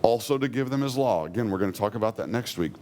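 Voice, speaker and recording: A man preaching a sermon, earnestly, slowing down and softening when he quotes God's words. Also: fairly low pitch, lively intonation. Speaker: pastor.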